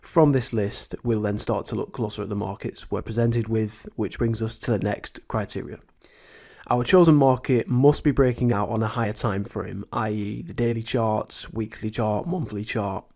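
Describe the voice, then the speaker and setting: A man with a sore throat and a slightly croaky voice, hosting a chatty, earnest tutorial as a trading educator, speaking. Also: fairly low pitch, fairly even intonation, moderate pace, darkish tone. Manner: chatty, earnest, with frequent restarts. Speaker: trading educator, channel host. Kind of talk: tutorial explaining a method.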